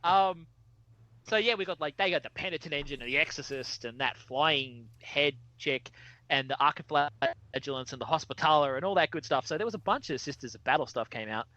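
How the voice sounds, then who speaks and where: Bright, animated man on a podcast. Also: on the high side, a little fast, no echo, dull audio. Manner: animated, rambling, swears casually. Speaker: podcast co-host. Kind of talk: casual podcast chat.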